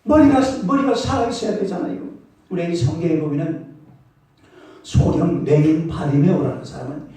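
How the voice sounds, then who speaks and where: Preaching in a church sanctuary, a male pastor with a fairly high voice speaks at normal speed, telling stories with animation and calling on the congregation to respond. The recording catches him from a distance in an echoey hall.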